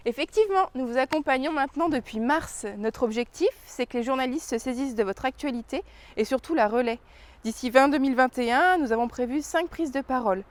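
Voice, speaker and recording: A woman's voice: high-pitched, brisk. A woman giving a scripted corporate presentation as a press relations officer.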